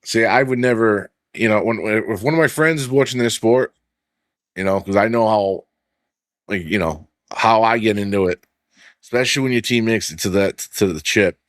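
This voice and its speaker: A man's voice: lowish voice, moderate pace, no room sound, studio quality. A man hosting a casual sports podcast, swearing freely and leaning on fillers while he reads off stats. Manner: loose and profane, heavy on filler "like", reads stats aloud. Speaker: podcast host.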